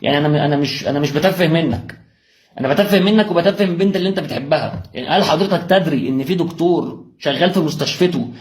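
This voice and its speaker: A young man speaks in a fairly high voice at a racing pace, with an Egyptian Arabic accent. He delivers an impassioned, motivational religious talk, firing rhetorical questions straight at the listener.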